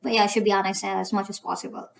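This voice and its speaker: Talking rapid-fire in a creaky, level, medium-pitched voice, a young woman from the Philippines guides viewers through an online form. She has a Filipino accent, hosts the channel, and hesitates constantly with "um" and "you know" in this casual screen-recorded tutorial.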